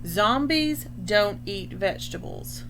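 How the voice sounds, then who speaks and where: A woman's medium-pitched voice, lively in intonation, carries over a noisy background as she reads a picture book to young children as their school librarian. She pauses to define words, explaining as she goes in an instructional manner.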